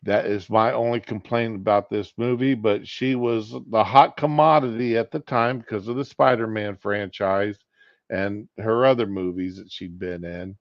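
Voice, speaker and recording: A man's voice: fairly low pitch, fairly even intonation. A man who has just woken up, rambling casually and without hurry as he hosts a live stream. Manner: just woke up, unhurried. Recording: boxy echoing room, dull sound.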